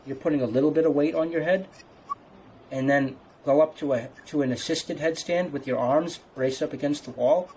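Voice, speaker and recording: A man's voice: fairly high pitch, fairly even intonation, normal speed, darkish tone, a little hiss or hum, rough recording. A man talking casually like a fitness coach, giving instructions step by step.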